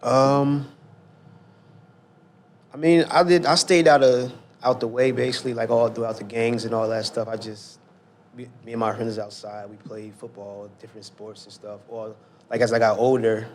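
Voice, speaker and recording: A man in his thirties from Newark, talking in a halting, soft-spoken way as a guest on a casual chat podcast, often trailing off quietly. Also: medium pitch, little pitch movement. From Newark, New Jersey. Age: 30s. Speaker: guest designer.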